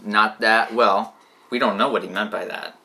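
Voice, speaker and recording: A man's voice: lowish voice, fairly even intonation, normal speed, vocal fry, pushed and bright. A man co-hosting a casual chat show, joking and rambling as he teases his co-host.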